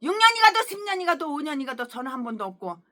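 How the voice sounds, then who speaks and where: A woman pastor delivers a fiery sermon with a high, bright voice. Her pitch swings widely as she scolds, hurls crude insults and moves between quiet asides and sudden shouts. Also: big pitch swings, quick pace. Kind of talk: expository sermon.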